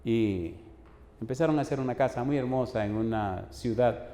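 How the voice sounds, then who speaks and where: A Dominican pastor preaches a sermon in a medium-pitched, mellow voice at a moderate pace, telling stories, voicing both sides of the dialogue, and pressing the congregation with yes-or-no questions. The recording has an echoey hall sound with faint noise.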